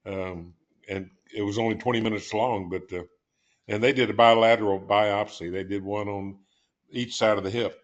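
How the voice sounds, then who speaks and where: An older man telling a story slowly in a support group over a video call, halting, with many fillers. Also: lowish voice, steady tone. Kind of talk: casual storytelling.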